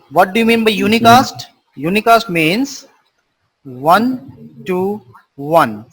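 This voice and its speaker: A networking instructor teaches a live online class in a high-sitting, fairly bright, slightly rough voice, captured on poor audio. He explains terms by repeating simple definitions and quizzes his students along the way.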